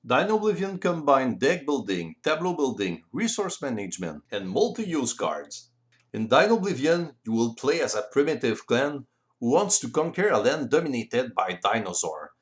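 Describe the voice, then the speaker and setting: A native French speaker with a French accent explains board game rules in an instructional voice-over. His medium-pitched voice delivers careful, deliberate non-native English.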